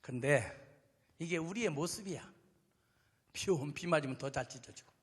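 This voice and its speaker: Man preaching, revival sermon, high lively pitch, long hall reverb. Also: normal speed, husky. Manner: dramatic, swings from murmurs to shouts. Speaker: pastor. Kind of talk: revival sermon with acted story. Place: large church hall.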